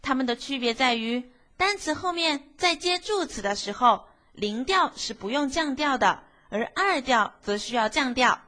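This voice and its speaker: Bright high-voiced woman teaching a class. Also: expressive, moderate pace. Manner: patient, explains step by step, asks the class questions. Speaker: Japanese teacher. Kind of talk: language lesson narration.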